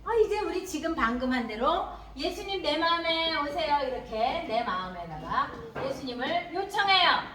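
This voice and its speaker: A woman giving a children's sermon at Sunday school, animated and asking the children questions. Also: high voice, moderate pace, few pauses, roomy sound. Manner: animated, questioning the children, acting out little voices. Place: church hall.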